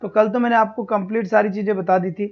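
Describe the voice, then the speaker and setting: A man's voice: high voice, fairly even intonation, quick pace, lo-fi sound. A man teaching a live online exam-prep class. He keeps repeating his own questions and answering them, and chats with his students, scolding the latecomers. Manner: chatty, scolds students for being late.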